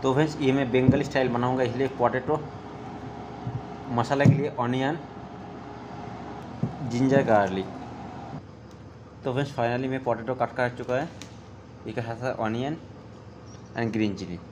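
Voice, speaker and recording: A man talks his viewers through a home recipe in a relaxed, chatty way, explaining each step as he goes. His voice sits at an ordinary pitch. The kitchen recording carries clear background noise, with traffic audible from outside. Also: unhurried, long pauses. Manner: chatty, step-by-step, keeps saying "friends". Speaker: cooking vlogger. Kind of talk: casual cooking narration.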